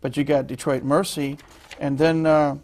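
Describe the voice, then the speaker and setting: Gravelly host reading off stats. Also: male voice, on the high side, level tone, a little mellow. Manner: reads stats haltingly with many fillers. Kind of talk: sports interview show.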